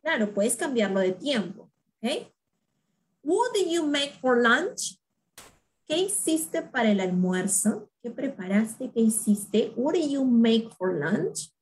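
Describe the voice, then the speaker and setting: A woman's voice: on the high side, sing-song, low-quality recording. A woman teaching an English lesson online, explaining in Spanish and repeating English examples for learners with frequent check-ins. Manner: repeats phrases slowly for learners.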